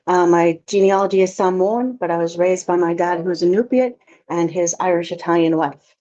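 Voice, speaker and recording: A woman from Alaska, a filmmaker, tells her story in a chatty, anecdotal way during a conference presentation. Her voice is lowish and warm at a normal speed, on dull lo-fi audio.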